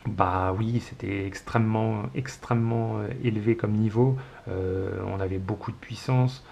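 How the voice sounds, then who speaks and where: On a dull home recording with a faint hiss, this show host, a French man in his forties, rambles through his casual solo chat show with plenty of hesitations and a fond, nostalgic tone. He speaks unhurriedly in a steady, low-ish voice that's a little mellow and carries vocal fry.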